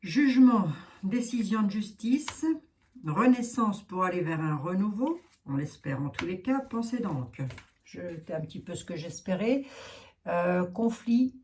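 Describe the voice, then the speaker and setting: A woman with a Lorraine French accent and a lowish, darkish voice reads cards in a casual monologue. She chats frankly and thinks aloud, using lots of fillers.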